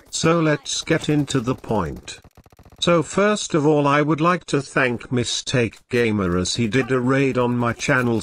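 A synthetic text-to-speech male voice with a robotic sound, reading a gaming channel host's scripted news update in a flat way. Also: mid-range voice, a little hiss or hum.

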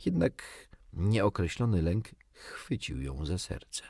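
Man narrating an audiobook: low, husky, very lively delivery, dry sound. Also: slow, no echo. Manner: expressive, dramatic reading. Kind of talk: scripted storybook narration.

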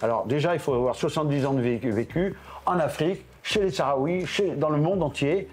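Animated older man explaining his reptiles. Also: fairly quick, husky. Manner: lively, talks to his animals in a higher coaxing voice. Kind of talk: casual guided explanation.

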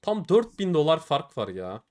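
A man's voice: on the high side, big pitch swings, normal speed, a little mellow. A young man commenting casually on opening game cases, often pleading and groaning at the results. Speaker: case-opening streamer.

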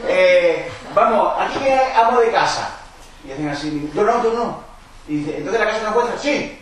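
Un hombre, trabajador social, que dirige un taller en una sala universitaria, hace preguntas al público y se ríe a menudo. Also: male voice, sits high, moderate pace, crowd noise. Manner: lively, questions the audience, laughs often. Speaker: social worker leading a workshop talk. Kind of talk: interactive workshop talk. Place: university library meeting room. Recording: echoey room, distant mic, background noise.

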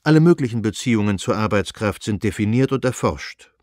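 Male reader as an affable nobleman, genial, relaxed, dry close sound, storybook reading. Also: fairly low pitch, fairly quick, no room sound, close to an everyday voice. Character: affable male district nobleman, smooth and evasive.

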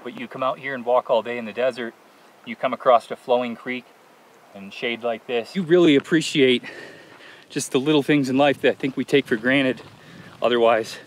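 A man's voice: mid-range voice, steady tone, normal speed. Easygoing man vlogging outdoors in the desert. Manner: easygoing, rambling, reflective, with frequent "uh" and "like". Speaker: solo thru-hiker filming his trip. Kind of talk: casual vlog narration.

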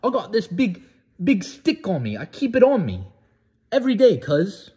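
A man's voice: huge pitch swings, normal speed, husky, exaggerated voice. A young man voicing a mocking impression of a teenage British street tough, boastful and threatening in heavy slang. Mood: taunting. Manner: exaggerated slang-heavy taunting, high and shouty.

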